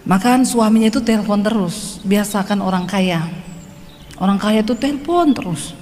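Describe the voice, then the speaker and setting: A woman's voice: medium pitch, normal speed. A woman pastor preaching a sermon, telling stories with energy and acting out the lines of the people in them. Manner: lively storytelling, acting out other people's lines. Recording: long reverb, faint background noise.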